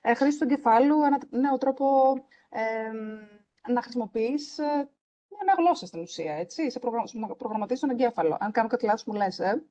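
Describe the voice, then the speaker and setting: Earnest woman with a dark, dull-sounding voice. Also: on the high side, animated. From Greece. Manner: earnest, emphatic, mixes English words into speech. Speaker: French teacher and podcast host. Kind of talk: casual podcast conversation.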